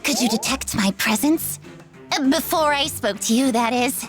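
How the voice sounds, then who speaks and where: A woman voicing a bubbly, teasing young female ninja in a video game, excitable and theatrical. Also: sits high, moderate pace, soft background music, lightly acted. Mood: coy. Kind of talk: video game character voice lines.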